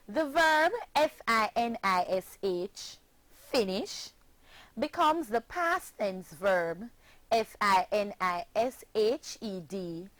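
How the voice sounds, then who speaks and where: Jamaican lady teaching phonics, super slow and careful, kinda high voice, dry close mic. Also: fairly bright tone, dry recording, low-quality recording. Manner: careful, over-articulated, encouraging. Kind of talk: slow, clearly paced phonics lesson.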